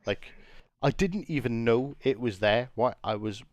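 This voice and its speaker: A man's voice: medium pitch, animated, unhurried, dry recording, dull audio. A man hosting a livestream with casual, sweary, mock-grumpy banter. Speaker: livestream host.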